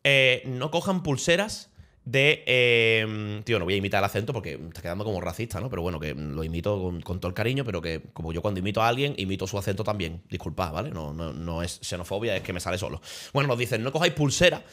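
A young man from Spain with a Spanish accent, telling a travel story in an animated, swearing, laughing way, as a streamer in casual chat. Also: sits low, very fast.

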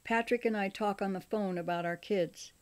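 Older female author-narrator, memoir audiobook, measured and expressive, middle pitch. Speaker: author reading her memoir.

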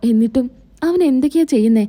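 A stern, caring elder sister voiced by a woman storyteller, earnest and scolding, fairly high with a mellow, dark tone. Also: quick pace. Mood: tearful.

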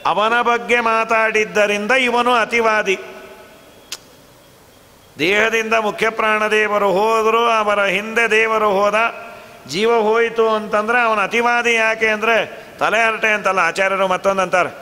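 A man gives a devotional discourse, asking lively rhetorical questions and slowly chanting verses. His voice sits high for a man and sounds bright and sharp. A long hall reverb trails behind his words. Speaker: religious discourse speaker.

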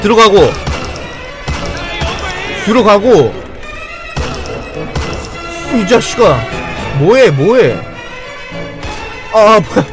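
An excitable man streaming a game, repeating short phrases as he reacts. His voice sits high and jumps around in a lively way, with game music behind it. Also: very slow, pauses often. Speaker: gaming streamer. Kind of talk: live gameplay commentary.

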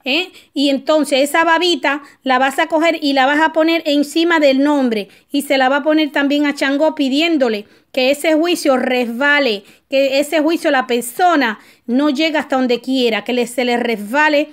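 A woman with a high voice talks her listeners through ritual advice in a loose, conversational way. She preaches a little and keeps checking in with short tag questions. She often drifts into personal stories before coming back to the point. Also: normal speed, few pauses. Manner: digressive, with restarts and personal anecdotes. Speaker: spiritual advisor teaching a ritual. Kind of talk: casual spoken advice talk.

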